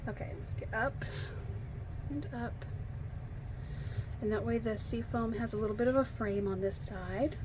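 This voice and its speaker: A woman with a fairly high, slightly froggy voice, hoarse from allergies, chats casually while demonstrating card making at a home craft table. She talks a little slowly with long pauses, thinking aloud and poking fun at herself, and there's background noise.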